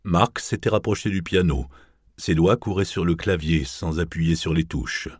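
A man narrating a novel in a measured, even audiobook reading. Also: deep voice, breathy edge, dry recording, clean studio sound.

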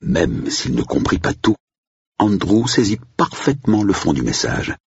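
A man reading a novel aloud as audiobook narrator in a steady, measured way. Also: low-pitched, vocal fry, slightly rough, dry recording. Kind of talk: scripted narration. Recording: dull lo-fi recording.

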